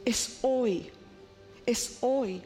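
A woman's voice: fairly high pitch, very slow, dark tone, long reverb tail, faint music behind. A woman preacher telling a personal testimony to her congregation in a dramatic storytelling way, urging them on. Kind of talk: testimony sermon.

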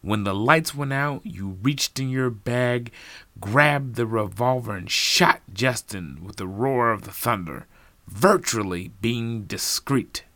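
A man's voice: mid-range voice, slow pace, bright, forceful tone, no echo. A man voicing a smug adult male police detective who asks clipped, demanding questions. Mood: accusing.

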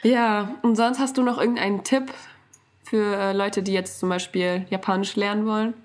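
A woman's voice: mid-range voice, steady tone, normal speed. Chatty young German woman podcaster. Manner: chatty, many fillers, mixes in Japanese and English words. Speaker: podcast host. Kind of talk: casual chat.

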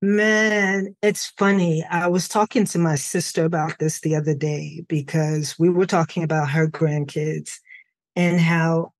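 Storytelling New woman, lowish voice. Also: unhurried. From New York, USA. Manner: relaxed storytelling with frequent "like" and "you know". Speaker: podcast guest. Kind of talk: conversational interview.

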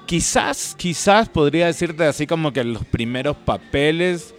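A young man from Ecuador, chatting as a musician guest in a relaxed, rambling way full of fillers. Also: a little high, a little slow, soft background music. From Guayaquil, Ecuador. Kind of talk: casual interview chat.

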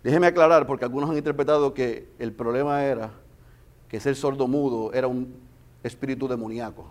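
A man preaching a sermon with passion, swinging between loud emphasis and hushed storytelling. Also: mid-range voice, fairly even intonation, fairly quick. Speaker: pastor.

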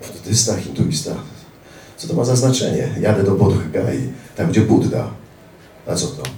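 A very deep, gravelly male voice reads a first-person story with dramatic, profane delivery. His tone is dark, and the sound is distant in an echoey room with faint background noise. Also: sing-song, normal speed. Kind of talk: reading a memoir aloud.

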